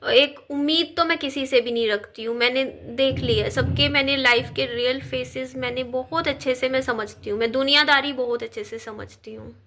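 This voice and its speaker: A woman in her thirties, feeling unwell, talking slowly and quietly to her viewers in a personal vlog, recorded on a phone. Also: high voice, steady tone. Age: 30s. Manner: slow, subdued, tired delivery. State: unwell and weak. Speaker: vlogger. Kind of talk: personal talk to camera.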